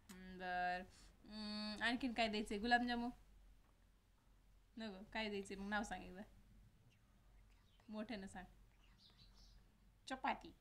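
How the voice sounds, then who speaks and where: A woman's voice: medium pitch, fairly bright tone, a little hiss or hum. A woman filming at home, chatting with a small child and coaxing her with repeated questions. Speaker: family member filming a toddler. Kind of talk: casual chat with a small child.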